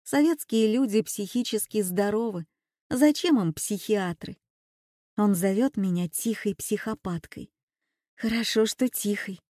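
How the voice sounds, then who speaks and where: A woman narrates a first-person story in a quiet, confessional way. Her tone is mellow and warm, recorded dry and close with no room sound. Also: mid-range voice, a little slow, no echo.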